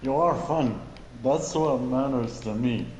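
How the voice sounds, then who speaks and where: A man chatting as co-commentator on a live stream, soft, friendly and hesitant. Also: medium pitch, slow pace. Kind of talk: casual chat on a live stream. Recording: distant mic in an echoey room with faint background noise.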